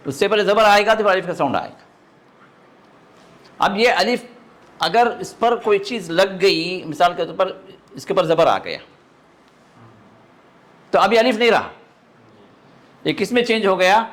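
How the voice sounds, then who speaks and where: A man teaching a live recitation class to students, sounding out throat letters and asking often if the point is clear. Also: high voice, animated, pauses often, fairly bright tone. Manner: demonstrates throat sounds, asks learners to confirm understanding. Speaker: religious teacher.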